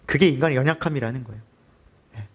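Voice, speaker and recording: A man's voice: mid-range voice, fast talker. A male pastor preaching a midweek sermon, asking the congregation questions and answering them himself. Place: church.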